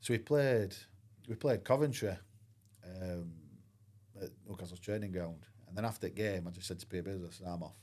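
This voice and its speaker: Guy, lowish voice, rambling and candid, lots of "like". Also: a little fast, darkish tone. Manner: candid, rambling, frequent "I says" and "like". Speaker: guest, former professional footballer. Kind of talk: casual storytelling interview.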